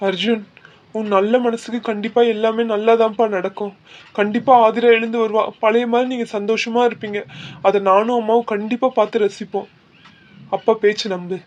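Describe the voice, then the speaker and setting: A man's voice: high-pitched, little pitch movement, brisk, lo-fi sound, close to an everyday voice. A man voicing an elderly father in a cartoon, speaking in a soothing, fatherly way. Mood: comforting. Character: elderly father, gentle and reassuring. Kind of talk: cartoon dubbing.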